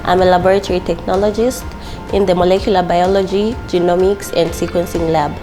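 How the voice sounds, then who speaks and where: A woman with a slightly low voice talks in a measured, explanatory way. Clear background music runs under her. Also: fairly even intonation. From Zambia. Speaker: laboratory technologist. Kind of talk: interview testimonial.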